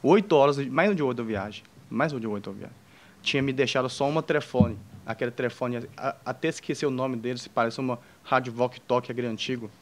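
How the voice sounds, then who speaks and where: Speaking on a panel, a young Chinese entrepreneur with a clear Chinese accent and a mid-range male pitch tells an informal personal story to the audience. His delivery is halting, packed with fillers and restarts, and he jokes with the crowd. There is slight background noise.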